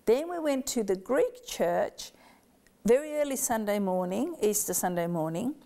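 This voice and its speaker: A woman's voice: medium pitch, lively intonation, moderate pace, dark tone. A middle-aged woman from Yugoslavia, a guest in an interview, telling her story animatedly and acting out the voices of family members.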